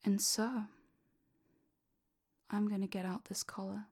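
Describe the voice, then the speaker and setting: Breathy whispering woman with vocal fry. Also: mid-range voice, fairly even intonation. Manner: soft, slow, commanding whisper. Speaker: hypnosis audio creator. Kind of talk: whispered hypnosis roleplay.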